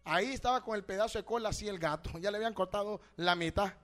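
A male preacher with a strikingly high voice delivers a fervent sermon. He swings from loud exhortation to hushed storytelling. He keeps calling the listeners brother and asking them questions. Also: fast talker, faint music behind. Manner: addresses listeners as brother, asks rhetorical questions. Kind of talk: evangelical sermon.

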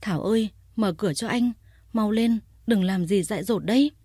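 Woman doing a protective young man, urgent, forceful, dark husky tone. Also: medium pitch, normal speed, no echo, studio quality, natural voice.

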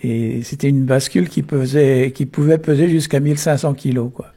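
A man, unhurried and full of tag words, explaining the origins of words. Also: mid-range voice, steady tone, warm tone, husky. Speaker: Breton language explainer. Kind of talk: explanatory talk on word origins.

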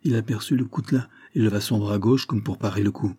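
A man narrating a suspense story as an audiobook reading, measured and suspenseful. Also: lowish voice, steady tone, warm tone, husky.

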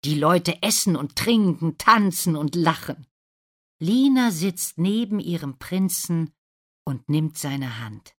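Slow-reading woman narrating a fairy tale. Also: low-pitched. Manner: clear, deliberate reading.

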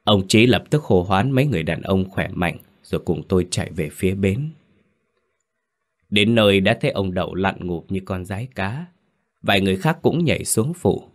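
Casting: male storyteller, low voice, grave and tense horror narration.

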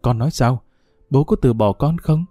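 A man voicing a poor, anxious father who speaks gently and coaxingly to his daughter in a dramatic audiobook. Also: mid-range voice, moderate pace, no echo, studio quality, faint music behind, lightly acted. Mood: coaxing, worried.

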